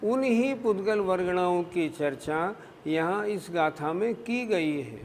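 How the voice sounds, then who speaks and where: A man's voice: high-pitched, expressive, slow, in a large hall, a little hiss or hum. A man giving a scriptural discourse as a religious scholar, explaining patiently and answering his own questions.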